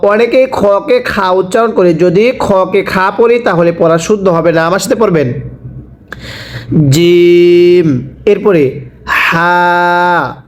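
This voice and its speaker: A man teaching Quran reading, drawing out each letter sound slowly for the listener to repeat, then explaining quickly. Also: high-pitched. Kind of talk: slow drawn-out letter drills. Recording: dull lo-fi sound.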